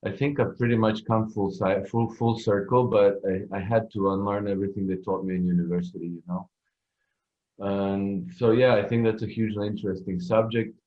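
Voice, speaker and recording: A man from Croatia, a guest on an online round-table chat, speaking in a hesitant, halting way. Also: fairly low pitch, little pitch movement. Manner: hesitant, halting with repeated starts. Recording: tinny phone-like call audio.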